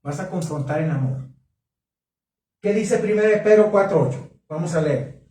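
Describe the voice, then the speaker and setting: A man preaching at a marriage conference, questioning the congregation in an animated way. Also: fairly high pitch, normal speed. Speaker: pastor. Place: church hall. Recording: echoey hall, mic from a distance.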